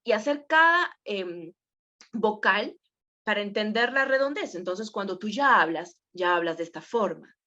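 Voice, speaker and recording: A woman's voice: mid-range voice, animated, a little slow, pushed and bright, muffled recording. A woman teaching a voice and presenting workshop in a conversational way, with many fillers and questions to the class. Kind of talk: spoken workshop lesson.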